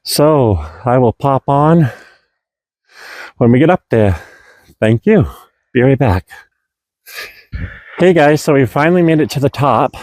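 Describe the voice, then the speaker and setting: A man's voice: medium pitch, lively intonation, measured pace, long pauses, a little mellow, no room sound. A man hosting a casual outdoor walkthrough of an old fort, chatty, often saying um and talking to viewers as folks and guys, a little out of breath. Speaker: host exploring an old fort.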